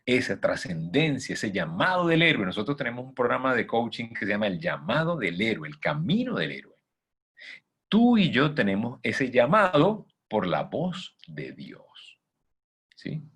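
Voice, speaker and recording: Husky, lively-voiced motivational coach man. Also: medium pitch, moderate pace. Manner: emphatic, asks listeners rhetorical questions. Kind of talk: motivational talk with faith content.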